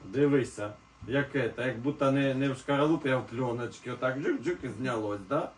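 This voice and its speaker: A man at home in the kitchen speaks in a mid-range voice, a little fast, chatting casually with his toddler and patiently guiding the small child through a task. The room is echoey, the mic is distant, and there's faint noise.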